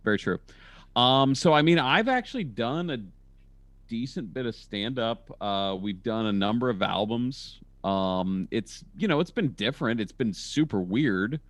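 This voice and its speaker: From his home in a college town, a comedian who also works as a comedy label engineer chats unhurriedly over a video call for a casual podcast about his comedy work. He's an animated storyteller, his pitch jumping suddenly whenever he quotes people. There's no room sound.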